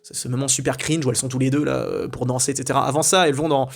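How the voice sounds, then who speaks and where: Fast-talking man ranting. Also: mid-range voice, fairly even intonation, vocal fry. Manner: rants with many fillers and restarts. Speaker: video host. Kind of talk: opinionated casual commentary.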